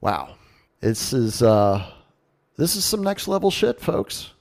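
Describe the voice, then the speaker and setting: Hosting a news commentary show on the radio, a man mocks the headlines sarcastically and informally, with salty language, as he reads and riffs on an article. He takes it slowly in a gravelly, sing-song voice of medium pitch.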